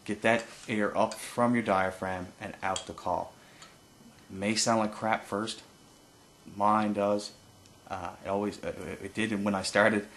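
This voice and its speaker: A man giving an informal hands-on tutorial as an instructor, explaining haltingly with pauses and no script. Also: on the low side, steady tone, fairly bright tone, a little hiss or hum. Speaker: duck-calling instructor.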